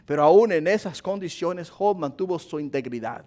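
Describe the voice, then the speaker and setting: A male pastor delivers a passionate sermon. His voice sits high for a man and keeps climbing louder and higher on repeated pleas, then sinks back to a low, quiet tone. He speaks straight to the congregation as brothers and sisters. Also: expressive, normal speed. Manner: impassioned preaching, rising in pitch and volume on repeated pleas.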